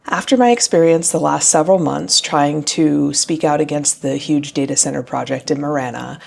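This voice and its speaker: A woman in her forties from New Hampshire, giving an earnest, measured campaign address as a town council candidate. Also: sits low, gravelly, darkish tone. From New Hampshire, USA.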